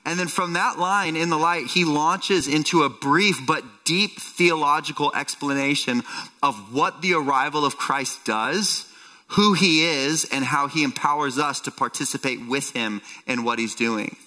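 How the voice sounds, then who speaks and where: A male pastor preaching at a pulpit microphone, his voice bright and forceful with a slightly high pitch. The sanctuary's long reverb trails after his words, and faint music sits underneath. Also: a little slow. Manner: earnest teaching, often quoting scripture. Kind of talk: sermon. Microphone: speaking at a pulpit microphone.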